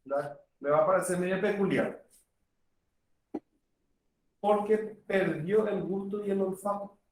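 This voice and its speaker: A man teaches medicine in a loose, chatty lecture, slipping into quick doctor-and-patient exchanges. His voice sits a little high for a man. He is picked up from across an echoing classroom, well away from the mic. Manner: conversational, acts out patient dialogues. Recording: echoey room, far from the mic.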